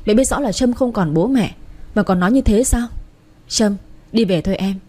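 A woman's voice: medium pitch, normal speed, warm tone, lightly acted. A woman voicing a frustrated young husband who firmly defends his wife. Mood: exasperated. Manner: firm, exasperated.

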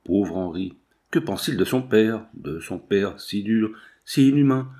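Guy doing a heartbroken old general, lower voice, shaken and lamenting, audiobook. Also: expressive, a little slow, mellow. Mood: anguished. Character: grief-stricken elderly father, a general.

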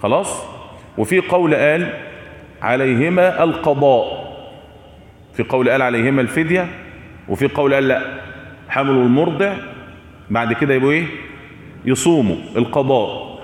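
A man's voice: mid-range voice, moderate pace, pauses often. A man with an Egyptian accent teaching a religious law lesson. He asks the audience questions, answers them himself, and repeats his key points. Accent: Egyptian Arabic. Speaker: Islamic jurisprudence teacher. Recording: echoey hall with long reverb.

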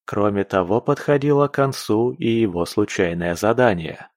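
A man narrating a fantasy audiobook in a steady, even storytelling manner. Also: on the low side, moderate pace, no room sound, studio quality. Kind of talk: scripted narration.

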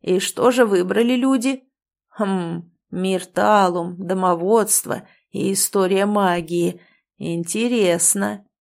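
Ancient male wolf bookseller voiced by a woman, gruff, slow, dry, wry, storybook reading. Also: medium pitch, darkish tone.

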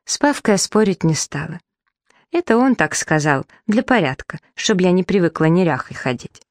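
A woman narrating a children's audiobook in the first person, lively and acting out the dialogue. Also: on the low side, normal speed, no echo, studio quality. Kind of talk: children's story reading.

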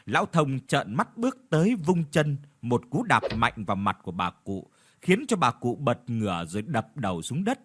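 A man's voice: mid-range voice, big pitch swings, normal speed, slightly rough. A man narrating a horror story in a vivid, dramatic storytelling manner.

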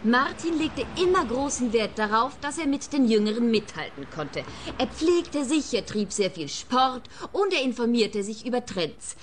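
An actress playing a composed, charming younger widow in a radio play. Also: female voice, fairly high pitch, sing-song, moderate pace, slight background noise. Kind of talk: scripted radio play acting.

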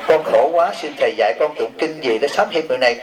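A man's voice: medium pitch, fast, low-quality recording. A man, a Buddhist monk giving a humorous sermon, reading out questions and teasing his audience with rhetorical questions.

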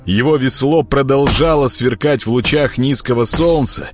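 A man reading a fantasy audiobook, storytelling with lively delivery. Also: mid-range voice, moderate pace, over music. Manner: lively storytelling, voicing characters. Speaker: narrator. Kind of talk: audiobook narration.

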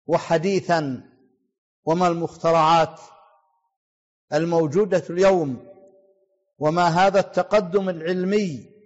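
A man delivering a formal religious lecture in formal standard Arabic, with measured, deliberate oratory and pauses between phrases. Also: on the high side, darkish tone. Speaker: Islamic scholar giving a religious talk to listeners. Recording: dull lo-fi audio with long reverb.

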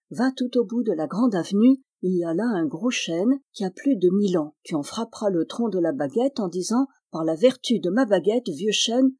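Gentle young sorceress voiced by a woman, calm, reassuring, breathy, dry. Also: medium pitch, no room sound.

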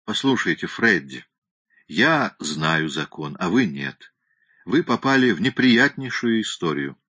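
A man voicing a frank, firm middle-aged male lawyer who speaks straight without softening his words. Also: low-pitched, very animated, a little slow, slightly rough, no echo, heavily acted.

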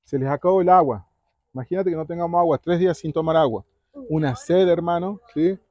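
High-voiced man preaching to kids. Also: a little fast. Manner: keeps asking the audience questions, tags lines with "¿sí?". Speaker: youth retreat speaker. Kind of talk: Bible talk to preteens. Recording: dull lo-fi recording.

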